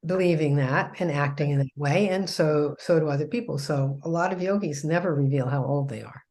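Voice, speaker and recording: Low-voiced woman in calm conversation. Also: fairly quick. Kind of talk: casual chat.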